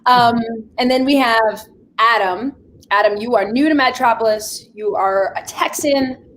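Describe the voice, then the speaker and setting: A woman's voice: a little high, measured pace, a bit bright, slight background noise, poor audio. A woman casually hosting a video panel in an informal, chatty, teasing way. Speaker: talk show host.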